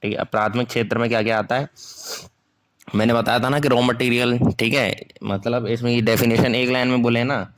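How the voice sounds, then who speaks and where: A man's voice: medium pitch, steady tone, a little fast. A young man teaching an online class, dictating notes in a casual way. He mixes Hindi and English, stops to check in after nearly every phrase and corrects his own slips aloud.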